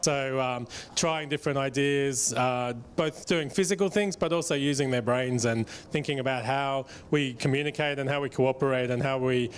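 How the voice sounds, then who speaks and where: A man's voice: medium pitch, moderate pace, few pauses, a little hiss or hum. Man explaining a youth workshop. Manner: explanatory, with fillers. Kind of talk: on-camera event interview.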